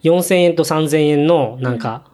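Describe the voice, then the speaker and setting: A man's voice: on the high side, unhurried, a little mellow. A man who runs tours, talking frankly in casual conversation, leaning on repeated words for emphasis. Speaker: tour operator.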